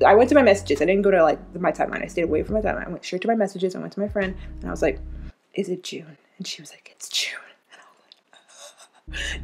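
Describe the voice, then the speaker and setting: A woman giving an excited reaction vlog, gushing and chatty, full of "like" and laughs, swearing freely. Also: mid-range voice. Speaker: reaction vlogger. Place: home room.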